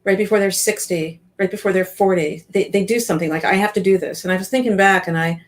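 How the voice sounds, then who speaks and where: A woman's voice: medium pitch, quick pace. A woman in her fifties, a business coach, chatting enthusiastically as an interview guest. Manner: chatty and enthusiastic, with frequent restarts. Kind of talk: casual interview chat.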